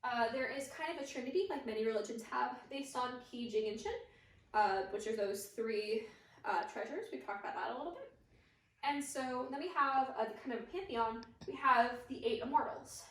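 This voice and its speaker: A young woman with a Midwestern American accent gives a casual class presentation in a slightly high, somewhat bright voice at normal speed. She's chatty and hesitant, full of fillers and self-deprecating asides. The mic is far off in an echoey room.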